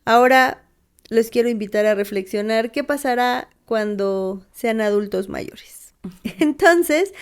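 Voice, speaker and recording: Female podcast co-host, upbeat and laughing, a touch high. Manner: upbeat, laughs often between phrases. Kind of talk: casual podcast chat.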